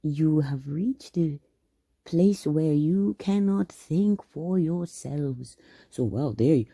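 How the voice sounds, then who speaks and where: A woman's voice: deep voice, vocal fry, dark tone, no echo. A woman delivering a rambling, grandiose monologue that drifts between whispers and rants.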